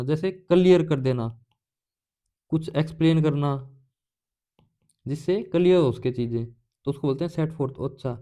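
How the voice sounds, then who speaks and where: Here the man's voice leans high and sounds warm. He explains English idioms in a casual lecture by raising questions and answering them himself, adding playful jokes along the way.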